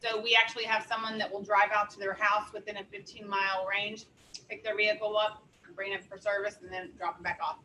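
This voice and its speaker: A woman's voice: mid-range voice, flat delivery, brisk, bright, forceful tone. A woman on a video call, explaining her store's services with hesitant, um-filled answers. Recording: distant mic with faint room noise.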